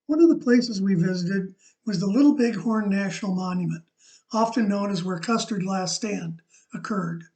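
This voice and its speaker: A man's voice: high voice, moderate pace, a little mellow, far from the mic, rough recording. Earnest man reading a reflective essay. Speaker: commentator.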